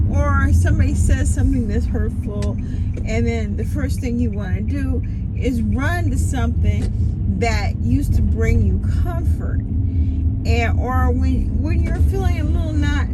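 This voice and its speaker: A woman with a fairly high voice speaks slowly in a candid, confessional vlog style. She rambles and halts, repeating phrases as she works through her thoughts. Heavy car and street noise runs behind her. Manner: rambling, halting, circles back and repeats phrases. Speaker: vlogger giving herself a pep talk. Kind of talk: candid confessional monologue, casual chat. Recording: loud traffic and vehicle noise.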